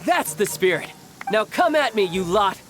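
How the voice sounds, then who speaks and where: A man voicing a smooth young military officer and doting older brother in a video game, with a theatrical manner. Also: high voice, big pitch swings, normal speed, over music. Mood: commanding, grandiose.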